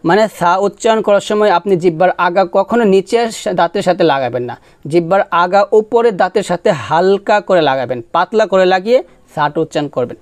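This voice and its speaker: A man teaching Quran recitation, spelling out letters and chanting words slowly with long drawn-out syllables. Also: sits high, lively intonation, no echo. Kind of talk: tajweed lesson, spelling and slow recitation.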